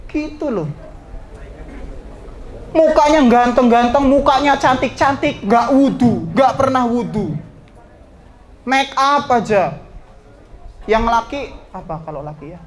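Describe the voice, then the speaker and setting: A man, an ustadz giving a lively religious talk to students, swinging between raised exhortation and soft joking asides. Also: very high voice, slow, long pauses.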